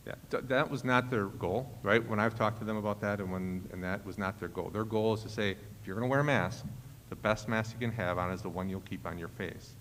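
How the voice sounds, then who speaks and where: Low-voiced man in an echoey hall. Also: fairly even intonation, brisk, a bit bright. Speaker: school official advising the board. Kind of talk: meeting discussion. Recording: echoey hall with faint noise.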